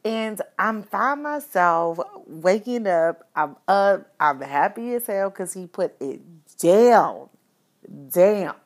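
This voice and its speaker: A woman's voice: medium pitch, animated, slow. A woman casually telling a personal story, candid and profane, with lots of fillers. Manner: acts out quoted lines in shifted voices.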